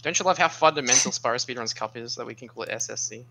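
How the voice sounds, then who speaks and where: A man giving casual race commentary, animated and joking, with a mock-indignant streak. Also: mid-range voice, quick pace, vocal fry, low-quality recording.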